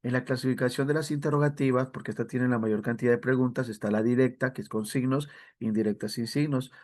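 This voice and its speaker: A man teaching a language review class, explaining step by step, often adding a quick question tag and calling students by name. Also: medium pitch, fairly even intonation, a little mellow.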